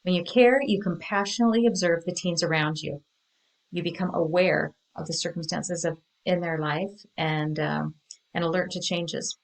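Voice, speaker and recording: This woman runs a training session in a voice that sits low and carries some gravel. She delivers prepared material in a steady, earnest, measured way. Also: poor audio. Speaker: workshop presenter.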